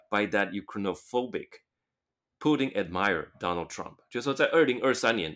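A man's voice: on the low side, fairly bright tone. A man hosting a podcast lesson, reading English news passages aloud and explaining them in with frequent tag particles. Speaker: podcast host teaching English through news articles.

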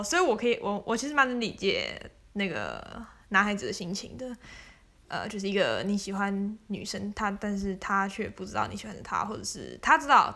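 A woman in her 20s hosts a podcast, casually telling stories in a chatty monologue and laughing often. Her medium-pitched voice is gravelly, pushed and bright.

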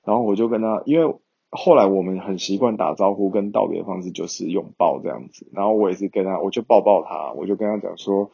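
A man's voice: deep voice, fast talker, gravelly, warm tone, husky, lo-fi sound. A young man, chatting casually to viewers in a rambling way with many fillers. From Taiwan.

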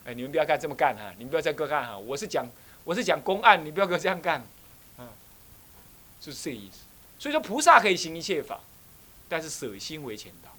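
A man's voice: fairly high pitch, fast. A middle-aged man from Taiwan, an abbot giving a Buddhist dharma talk, telling stories vividly, acting out scoldings and asking his listeners questions. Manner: animated storytelling, acts out scolding voices, asks the listeners questions.

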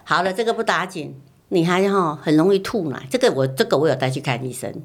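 A woman's voice: lowish voice, fast talker. A middle-aged mother, chatting casually and repeating words as she tells a story. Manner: animated storytelling, repeats words, acts out her own past lines. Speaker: mother recalling her child's infancy. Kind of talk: casual family chat.

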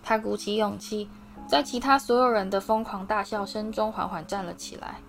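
A woman narrating a fantasy novel as an audiobook reader, in a steady, expressive reading voice. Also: mid-range voice, normal speed, gravelly. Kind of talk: storybook narration.

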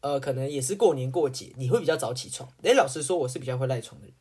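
Husky, animated woman. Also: very deep voice, racing. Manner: animated, swearing, mimics others; often laughs. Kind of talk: casual chat.

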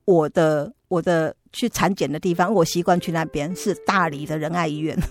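A middle-aged woman with a Taiwanese Mandarin accent, telling a lively personal story as an interview guest. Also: low-pitched, normal speed, faint music behind. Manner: lively storytelling, acts out quoted voices. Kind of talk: casual testimony storytelling.

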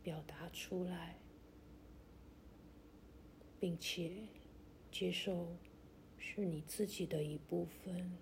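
A woman narrating a guided meditation like a sleep story, in a gentle, soothing, deliberate way with long pauses. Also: on the low side, fairly even intonation, gravelly, slight background noise.

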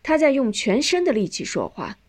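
A woman narrating a family story in measured audiobook style. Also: high-pitched, huge pitch swings.

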